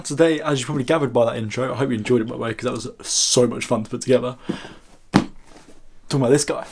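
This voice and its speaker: A man's voice: medium pitch, a little mellow. A young British man hosting a video channel, chatting casually and enthusiastically to viewers. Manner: enthusiastic, informal. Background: faint music.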